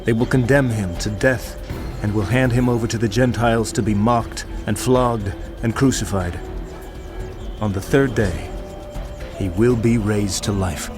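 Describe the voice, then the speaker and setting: An actor playing Jesus, a calm, authoritative male teacher, speaking in a measured, solemn way in a dramatized Bible reading. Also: fairly low pitch, lightly acted. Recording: voice over music bed.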